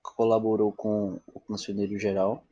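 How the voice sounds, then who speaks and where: A man's voice: lowish voice, little pitch movement, moderate pace, warm tone, husky, no echo, highs cut off. A male teacher, giving a lecture who keeps checking in with his listeners and answers his own questions. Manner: checks in often with "tá bom?" and "né?"; asks questions and answers them himself. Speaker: literature teacher. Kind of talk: classroom-style lecture.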